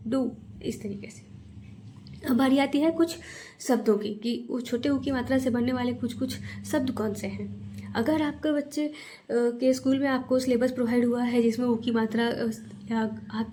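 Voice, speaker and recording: A woman teaching a phonics lesson to parents, reading syllables aloud one at a time in a slow, patient way. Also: a little high, warm tone, slight background noise. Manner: explains to parents, then models sounds.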